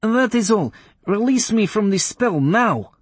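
Guy voicing a cold formal witch lady, a bit breathy, up high. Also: expressive, unhurried, no echo, heavily acted. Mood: demanding. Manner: stiff, clipped and formal. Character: haughty woman witch, coldly formal. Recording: dry close studio sound.

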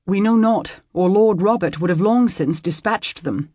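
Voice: mid-range voice, moderate pace, darkish tone, no echo, clean studio sound, pitched above the performer's own voice, lightly acted. A narrator voicing an earnest, loyal teenage squire speaking in formal old speech. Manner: formal, dutiful.

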